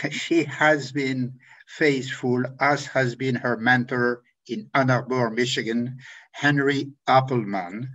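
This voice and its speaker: A man moderates a session, introducing speakers in a slow, measured way. His voice is a little husky, with an ordinary pitch. The video call audio sounds dull and lo-fi. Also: a bit bright. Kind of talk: formal introduction.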